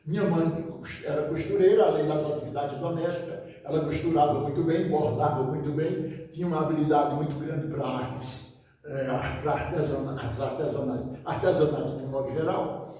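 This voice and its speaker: A retired teacher and writer from Northeast Brazil, an older man, reminisces about his childhood in a relaxed interview, rambling and often stopping to correct himself and start over. His voice is a little high and dark, with fairly even intonation and a moderate pace. The recording sounds muffled, distant and echoey, with a long reverb.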